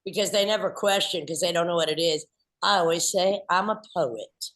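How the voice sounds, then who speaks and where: A woman co-hosting a podcast, chatting casually with wry quips and slowing down for punchlines. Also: on the low side, fairly bright tone. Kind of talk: casual interview talk.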